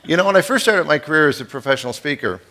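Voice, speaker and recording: A man's voice: fairly high pitch, expressive, rapid-fire, bright, forceful tone. A man in his fifties, from the East Coast, giving a folksy, joking keynote speech and asking the audience questions. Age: 50s. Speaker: keynote speaker.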